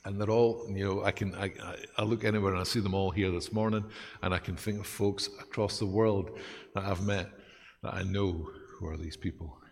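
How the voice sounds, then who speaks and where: Male pastor, low voice, lively, self-deprecating sermon, long church reverb. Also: fairly quick, vocal fry, slight background noise.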